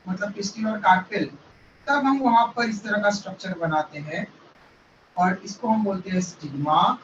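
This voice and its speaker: A high-pitched man teaches a classroom lesson, going step by step and checking in with his students, with English terms mixed into his speech. He is heard from a distance in a roomy, echoing space. The recording sounds dull, with faint noise underneath. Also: fairly bright tone. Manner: mixes Hindi with English terms. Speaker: biology teacher. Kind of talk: classroom lecture.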